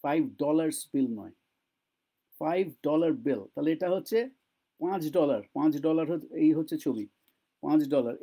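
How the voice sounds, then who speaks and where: A Bengali-speaking man gives a relaxed English lesson, repeating each phrase slowly so learners can copy the pronunciation. His voice sits a little high for a man, yet it is dark and mellow with a gravelly edge. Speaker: English teacher. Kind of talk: casual spoken English lesson. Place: living in the United States.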